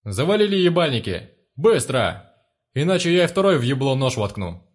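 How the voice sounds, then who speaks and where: A man reading aloud, voicing a big, brutal one-eyed male gang leader who swears coarsely and shouts his threats. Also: medium pitch, expressive, normal speed, lightly acted. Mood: furious.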